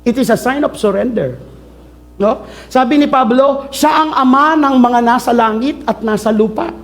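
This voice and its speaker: A man's voice: very high-pitched, moderate pace. A man with a Filipino accent, preaching a playful sermon, teasing and quizzing his congregation as he mixes in English phrases. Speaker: pastor.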